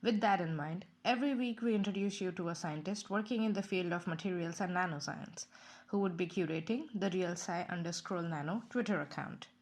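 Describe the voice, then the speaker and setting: A woman reading a scripted introduction to a science series in a clear, measured way. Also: lowish voice. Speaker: series presenter.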